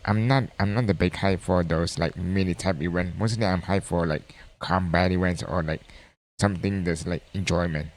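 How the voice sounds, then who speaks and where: Low-voiced man rambling through a reaction. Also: steady tone, moderate pace. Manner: rambling, lots of filler and restarts, blunt. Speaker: streamer reacting to a video. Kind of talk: casual reaction commentary.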